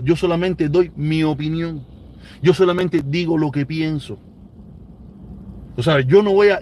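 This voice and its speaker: Cuban guy in his 40s on a live stream, high voice, keeps repeating himself for emphasis. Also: darkish tone, dull audio. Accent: Cuban Spanish. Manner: emphatic, repeats phrases for weight. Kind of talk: casual live-stream talk, reading viewer comments.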